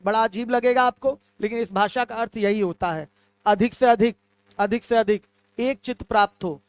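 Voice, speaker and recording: A man's voice: high voice, moderate pace, clean tone. A male math teacher giving an online class, patiently repeating key terms and calling his students "my children".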